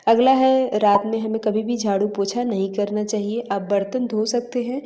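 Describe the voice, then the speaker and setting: A woman's voice: a little high, steady tone, normal speed, mellow. A woman vlogger giving household advice to her viewers in a casual, instructive way, calling them friends.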